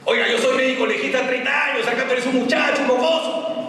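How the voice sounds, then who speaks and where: A man's voice: very high voice, fairly even intonation, fast talker, bright, forceful tone, voice pushed up. A man putting on the voice of an indignant veteran forensic doctor who scolds in a haughty tone. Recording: distant echoey lecture hall.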